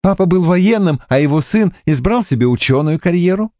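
A man reading the part of a hopeful young woman, the youngest sister, in an audiobook, lifting his voice higher. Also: animated, a little fast, a little mellow, no room sound, clean studio sound. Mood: eager.

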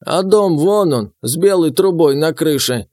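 A man voicing a suspicious, creaky old village man who questions a stranger. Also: on the high side, lively intonation, mellow, dry recording, studio quality, pitched above the performer's own voice. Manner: distrustful, drawn-out questioning.

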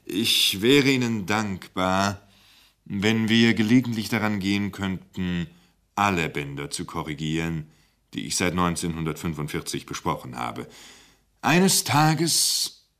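A man reading aloud and voicing a vain, self-pitying older male essayist who speaks slowly with theatrical pauses. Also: low-pitched, a bit bright. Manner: slow, mournful, theatrical pauses.

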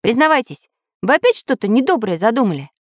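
A woman's voice: fairly high pitch, sing-song, fast talker, dry recording, voice pushed up. A woman reading as a stern inventor captain, scolding and firm, in a raised storybook voice. Close, dry reading.

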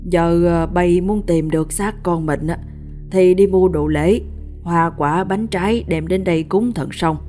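A stern village man who understands ghosts gives blunt orders, as a woman storyteller puts him on. The voice is low and dark in tone, with soft music under the telling. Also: a little slow, close to an everyday voice. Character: older village man versed in spirit matters, stern.

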